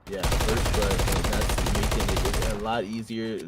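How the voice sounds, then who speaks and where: A man's voice: on the low side, level tone, background noise. A young man giving esports color commentary who often stumbles and restarts his sentences. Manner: halting, with many fillers and restarts. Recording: loud game gunfire in the background.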